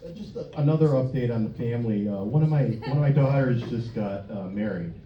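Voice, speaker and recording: A middle-aged man hosting a comedy show, talking haltingly with many fillers. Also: mid-range voice, recorded from a distance. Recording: lo-fi, roomy, off mic, loud noise.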